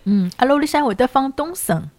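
A woman's voice: sits high, lively intonation, fast, a little mellow, a little hiss or hum. A woman with a Shanghai accent in a casual chat about home cooking.

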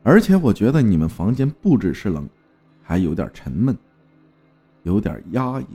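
A man voicing a calm young male psychic who earnestly warns about a cold, oppressive room in a told ghost story. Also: on the low side, normal speed, husky, soft background music, exaggerated voice. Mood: earnest warning.

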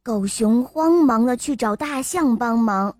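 A woman telling a bedtime story to children in a warm, sing-song way. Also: fairly high pitch, animated, unhurried, no echo. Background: faint music.

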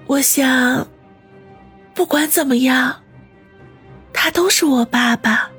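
A woman voicing a badly wounded young girl who talks in a weak, halting, breathy whisper. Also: high voice, a bit bright, soft background music, full character voice. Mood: weak, tender. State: dying, weak. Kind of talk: audiobook character voice.

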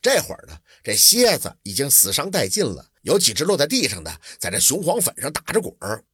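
A man's voice: mid-range voice, brisk, breathy edge, dry recording. A man telling a traditional story in a dramatic, vivid way. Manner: dramatic, lively, vivid delivery.

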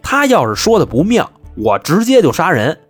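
A man voicing a cocky male bank robber boss who talks gruff and blunt. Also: on the high side, huge pitch swings, moderate pace, faint music behind, voice pushed up, heavily acted. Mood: swaggering. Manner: gruff, blunt northern street talk.

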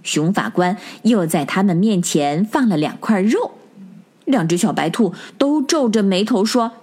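A woman telling a children's bedtime story, gentle and expressive, addressing the children. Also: mid-range voice, measured pace, husky.

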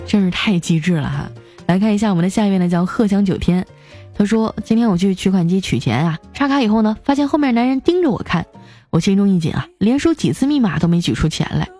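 A woman's voice: fast talker, faint music behind. Woman host reading funny listener jokes. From China. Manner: lively, jumps up in pitch for quoted lines and laughs at jokes. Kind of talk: comedic joke-reading show.

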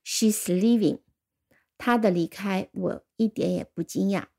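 A woman teaching an English vocabulary lesson, explaining patiently and spelling words out slowly. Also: medium pitch, steady tone, vocal fry, mellow.

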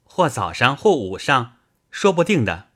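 A man voicing a timid young boy monk who answers hesitantly, filling pauses with uncertain sounds. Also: medium pitch, big pitch swings, pushed and bright, pitched above the performer's own voice, exaggerated voice.

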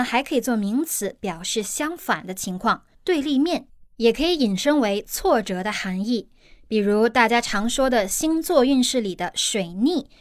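A woman's voice: a little high, no room sound, clean studio sound. A woman teacher explaining an English news article in steps, with everyday examples.

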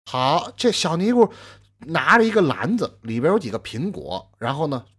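A man telling a traditional story with lively asides to the listener. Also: on the high side, normal speed, husky.

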